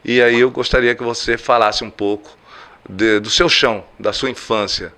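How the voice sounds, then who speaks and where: A man's voice: mid-range voice, steady tone, music in the background. A man hosting an interview, introducing his guest in short phrases and then asking about his childhood. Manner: measured, reads lists in short phrases. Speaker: interview host.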